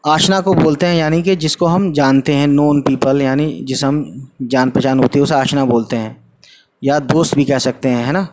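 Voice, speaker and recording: A man's voice: on the high side, fairly even intonation, a little mellow. Man explaining an Urdu lesson. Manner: reads a line of text, then explains it in simple words, mixing in English; checks in with the students. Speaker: Urdu teacher.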